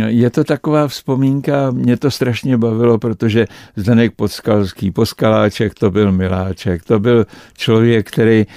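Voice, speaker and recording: A man's voice: lowish voice, gravelly, mellow, no echo, clean studio sound. Older man telling rambling stage anecdotes. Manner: rambling anecdotal storyteller, frequent hesitations. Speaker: actor and entertainer guest. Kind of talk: radio interview reminiscence.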